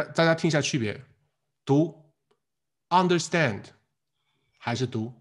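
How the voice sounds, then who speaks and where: Lively husky male English teacher. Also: mid-range voice. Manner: animated, asks the class questions and drills words by repetition. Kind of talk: live online lecture.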